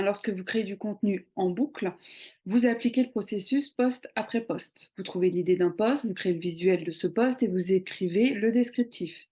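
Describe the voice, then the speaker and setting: A woman's voice: mid-range voice, mellow. A young woman explaining social media tips in a casual tutorial, talking conversationally with many hesitant fillers. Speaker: social media marketing coach.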